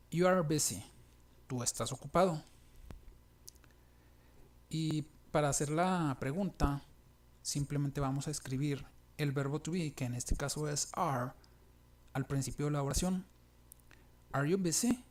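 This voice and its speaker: A man giving a recorded English lesson, explaining at a patient, halting pace with pauses and reading example phrases with a questioning lift. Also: on the high side, a little mellow. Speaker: English teacher.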